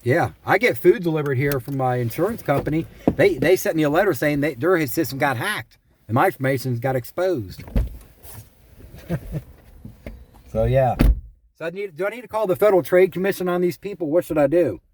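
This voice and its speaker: Calling in about identity theft and scam calls, this man speaks briskly in a slightly high voice with lively intonation, and there's a faint hiss or hum. His casual, exasperated stories circle back on themselves, and he quotes earlier conversations while complaining.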